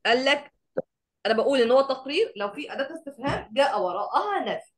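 A woman teacher with an Egyptian Arabic accent gives an online class lecture. She keeps quizzing the class and recites verses slowly. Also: high voice, big pitch swings.

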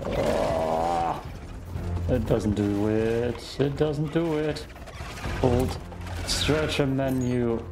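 A man's voice: medium pitch, very slow, music in the background. A young man giving casual gameplay commentary on a close mic, muttering and grumbling with the odd swear word. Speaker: game streamer.

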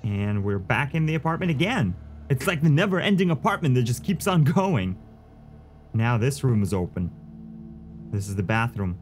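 A man's voice: medium pitch, very animated, normal speed, soft background music. A man playing a horror game and commentating as he thinks aloud, easily spooked like a scared streamer.

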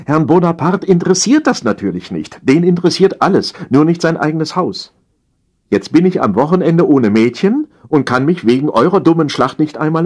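A man's voice: fairly high pitch, a little mellow, breathy edge, pitched above the performer's own voice. A man voicing a harried, nagging empress who complains about her household. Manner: scolding, complaining. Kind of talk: audiobook character voice.

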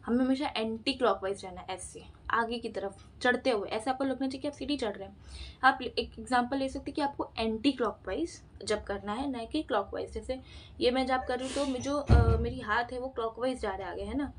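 A woman talks through a devotional chanting lesson in a relaxed vlog, her voice sitting a little high. She chats along, mixing in English phrases and demonstrating with her hands as she explains. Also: a little hiss or hum. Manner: chatty, mixes Hindi with English phrases. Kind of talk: casual instructional vlog.

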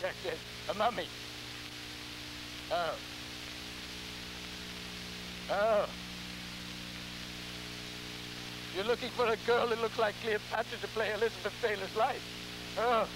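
A man playing a ghoulish, theatrical horror host, halting and repeating his words in a campy, scheming, cackling manner on an old television show. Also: high voice, lightly acted. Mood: coaxing, flustered. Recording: noisy, humming vintage television recording.

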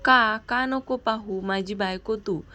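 A woman narrator voicing a young husband who teases his wife calmly. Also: medium pitch, takes it slowly. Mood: teasing. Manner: teasing, calm. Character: young husband, teasing and playful.

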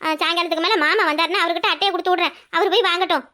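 A woman voicing a fretful, sharp-tongued village wife in a cartoon, with a Tirunelveli Tamil accent. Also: extremely high pitch, fairly even intonation, very fast. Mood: grumbling. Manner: grumbling, scolding. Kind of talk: cartoon voice acting.

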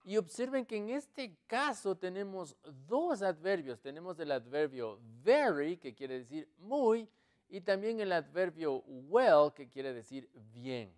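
A man teaching English in an online lesson, explaining slowly and repeating each example sentence. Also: high voice, very animated, darkish tone.

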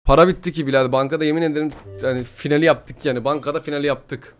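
A young man giving excited gameplay commentary while opening player packs, pleading and grumbling in frustration by turns. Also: on the high side, very fast. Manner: swings from pleading to loud frustration.

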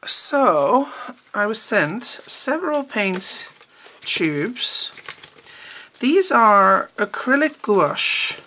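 A woman art teacher chatting casually and eagerly as she unboxes art supplies, thinking out loud as she goes. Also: medium pitch, very animated, extremely slow, slight background noise. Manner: chatty and enthusiastic, thinking aloud.

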